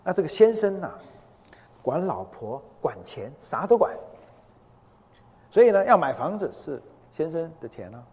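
A male preacher telling a story during a sermon, animated, acting out the people he quotes, in a large hall. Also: fairly high pitch, a little slow, long pauses, breathy edge. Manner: animated, acts out the quoted speakers. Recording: long hall reverb.

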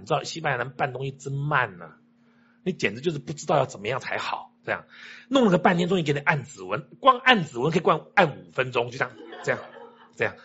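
A man's voice: mid-range voice, slightly rough, lo-fi sound. A man telling a personal anecdote, acting out the quoted dialogue in different voices. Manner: animated, acts out quoted dialogue with shifting voices. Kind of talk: personal anecdote told to an audience.

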